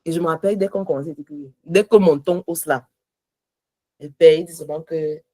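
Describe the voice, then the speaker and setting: Passionate husky-voiced woman teaching. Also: deep voice, normal speed, mellow, no room sound. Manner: passionate, switches between French and English. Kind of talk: devotional teaching on marriage.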